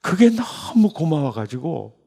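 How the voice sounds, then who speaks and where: Gravelly-voiced older Korean pastor. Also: male voice, sing-song, measured pace, mellow. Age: 60s. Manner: emotional storytelling with sudden high bursts. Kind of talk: testimony sermon. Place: church sanctuary.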